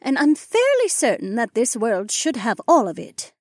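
A man voicing an eager, bookish young woman who gets excited easily. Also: extremely high pitch, normal speed, no room sound, clean studio sound, voice pushed up, heavily acted.

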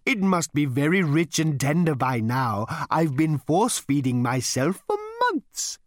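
High, drawn-out, fawning cow; genteel and servile, audiobook character. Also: male voice, very animated, dry recording, studio quality. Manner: slow, genteel, ingratiating waiter-like delivery. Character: polite, eager talking cow offering itself as dinner.

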